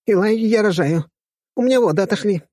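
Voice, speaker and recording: A man voicing a blunt female military commander in an audiobook, brisk and scolding. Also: high-pitched, sing-song, mellow, no echo, studio quality, voice pushed up. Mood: urgent shouting. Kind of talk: audiobook character voice.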